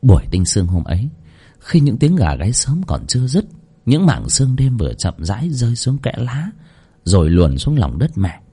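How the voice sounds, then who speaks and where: Man narrator, horror tale, dramatic, lively pitch. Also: husky. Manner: dramatic, vivid reading. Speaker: storyteller. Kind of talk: scripted horror story narration.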